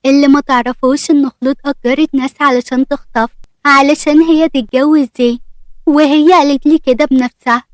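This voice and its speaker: A woman's voice: high-pitched, steady tone, a little fast, no echo, studio quality, lightly acted. A woman voicing a scheming, resentful young woman who speaks sharply with an Egyptian accent. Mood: accusing.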